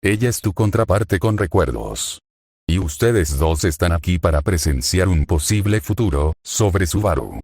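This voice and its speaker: A synthetic male voice reading the lines of a mysterious director figure in a fan story, firm and measured. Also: sits low, animated, darkish tone, breathy edge, no room sound, full character voice. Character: mysterious all-powerful director, calm and commanding.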